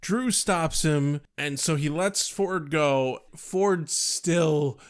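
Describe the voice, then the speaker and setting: A man's voice: a little high, extremely slow, clear, resonant tone. A man co-hosting a podcast, talking bluntly and swearing often in casual chat. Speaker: podcast co-host.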